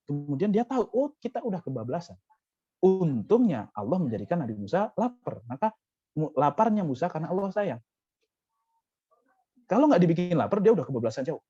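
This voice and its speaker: Male religious teacher, Indonesian accent, slightly high, mellow voice; dull dry recording. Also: no room sound. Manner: conversational, with lively acted quotes. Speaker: Quran commentary teacher. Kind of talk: casual religious lesson.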